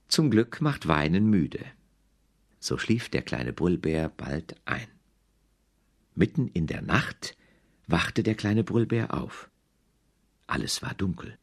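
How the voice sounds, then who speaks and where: A man narrating a children's audiobook in an expressive storytelling manner. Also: deep voice, vocal fry, slightly rough.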